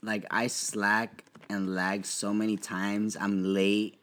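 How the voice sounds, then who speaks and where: Excitable young man, deep voice, co-hosting. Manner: excitable, joking, quick to laugh. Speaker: podcast co-host. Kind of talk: casual chat.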